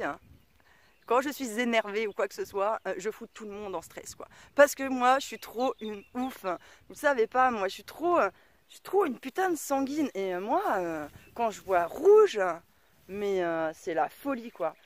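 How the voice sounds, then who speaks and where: Slangy expressive woman vlogging, chatty story, dry close mic. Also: on the high side, dry recording. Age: adult mother of a son. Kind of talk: casual storytelling to camera.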